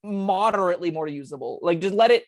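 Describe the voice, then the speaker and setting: A woman co-hosting a casual tabletop game podcast, talking in quick chatty bursts with plenty of ums. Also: lowish voice, lively intonation, no room sound. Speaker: co-host discussing tabletop spells.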